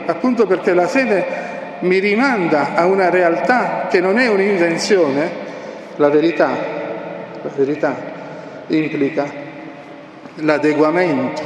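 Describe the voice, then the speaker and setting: A male preacher giving an impassioned sermon, pressing his points with emphatic repetition. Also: a little high. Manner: impassioned, emphatic, repeats key phrases. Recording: echoey hall with long reverb, faint noise.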